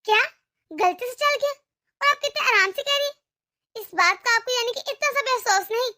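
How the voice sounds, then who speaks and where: A woman's voice: extremely high pitch, brisk, sharp tone. A woman voicing a bold, demanding young working wife in a cartoon, with a bossy manner. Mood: angry. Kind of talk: cartoon voice acting.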